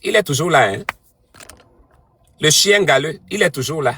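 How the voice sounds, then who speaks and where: High bright taunting man. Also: animated, normal speed, slight background noise. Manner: taunting, crude and mocking. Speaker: live-stream host. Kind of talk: heated live-stream argument.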